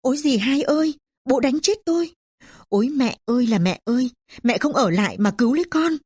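A woman's voice: mid-range voice, normal speed, a little mellow, breathy edge, dry recording, clean studio sound, natural voice. A woman voicing a young daughter who pleads and wails while her father beats her. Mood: wailing. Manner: pleading, wailing. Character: young daughter, frightened and tearful.

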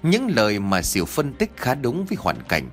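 A man's voice: medium pitch, wildly swooping pitch, moderate pace, faint music behind. A man narrating a ghost story, addressing listeners formally.

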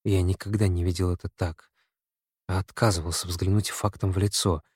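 Low-voiced man narrating an audiobook. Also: flat delivery, darkish tone, slightly rough, no echo, clean studio sound. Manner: measured, brooding first-person reading.

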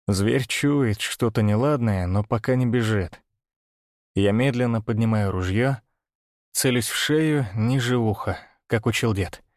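A man narrating a first-person story in a tense, hushed, steady manner. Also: mid-range voice, no room sound, studio quality.

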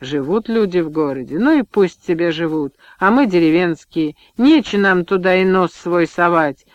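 A man's voice: high-pitched, animated, normal speed, no echo. A man voicing a young pregnant village wife who scolds her husband sarcastically, in a dull, dry audiobook recording. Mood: bitter, scolding.

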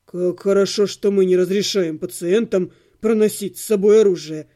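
A woman voicing a calm, patient male healer in an audiobook, explaining things in a measured, lecturing way. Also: medium pitch, pitched below the performer's own voice, close to an everyday voice. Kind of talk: audiobook character reading.

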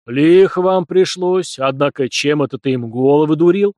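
Guy putting on a loud slow old priest, scolding his wards, storybook voice, dry close sound. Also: dry recording, natural voice. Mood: fatherly. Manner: booming, slow, churchly scolding.

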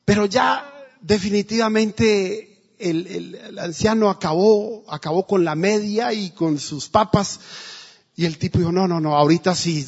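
In a church hall, a male pastor preaches emphatically, telling a story and acting out the quotes. His high voice is unhurried, creaky and husky, and the recording is dull and echoey.

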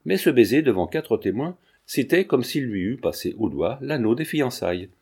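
A man narrating a classic novel as an audiobook in a steady, measured reading. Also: medium pitch, breathy edge. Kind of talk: scripted narration.

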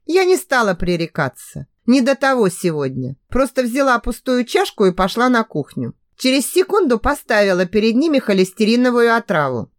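A woman reading first-person audiobook narration with a sarcastic, expressive edge. Her voice sits fairly high and swings up and down a lot. The sound is dry and close, with no room around it. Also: normal speed, few pauses, dry recording.

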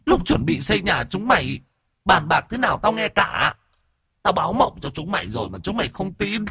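A man voicing the bitter ghost of a miscarried child, speaking in a high, thin, drawn-out whine and cursing the family. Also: big pitch swings, sharp tone, slightly rough, no room sound, studio quality, full character voice. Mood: furious cursing. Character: wailing ghost of an unborn child, bitter, vengeful.

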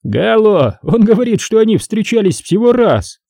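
A sneering smoker of a cop, his voice pushed up high and taunting, picking at every answer, as a man puts him on. The tone is husky and warm, read close and dry as an audiobook character. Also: big pitch swings, normal speed, no room sound, heavily acted. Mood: mocking. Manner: mocking, needling, high-pitched. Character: sneering smoking male police officer.

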